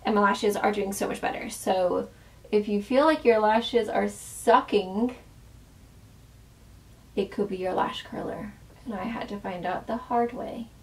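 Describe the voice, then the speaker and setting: A creaky, medium-pitched female voice, a little slow and far from the mic. She's a former makeup artist chatting casually through a makeup tutorial, her talk full of fillers. She's losing her voice, so it often cracks.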